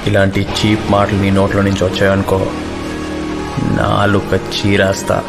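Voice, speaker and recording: Male, Telugu accent, low voice, fierce devoted college student declaiming film punch lines, loud score underneath. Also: completely flat delivery, normal speed, vocal fry, over loud music. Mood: fierce, declamatory. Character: male college student, fiercely reverent of his lady teacher.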